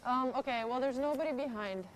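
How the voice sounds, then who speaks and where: A woman's voice: sits high, a little fast, a little hiss or hum. A young woman streamer chatting casually with viewers as she walks along, upbeat and addressing her audience. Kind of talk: casual live-stream chat.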